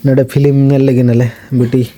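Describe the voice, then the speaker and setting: A man's voice: medium pitch, flat delivery, normal speed, warm tone. A man chatting casually as a vlogger outdoors at night, laughing often. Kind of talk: casual vlog chat. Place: outdoors at a lit-up night event. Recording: busy crowd noise around.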